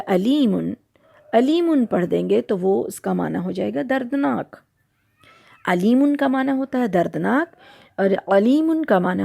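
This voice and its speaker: Woman, religious lesson, patient step-by-step explaining, gravelly edge, warm mellow tone. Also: medium pitch. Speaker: Quran recitation teacher.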